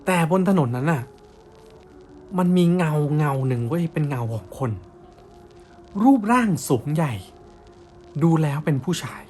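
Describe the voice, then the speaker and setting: A man's voice: a little high, expressive, measured pace, long pauses, a little mellow, faint music behind. Young man telling a slangy ghost story. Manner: blunt slangy storytelling with coarse words. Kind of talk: casual spoken ghost story.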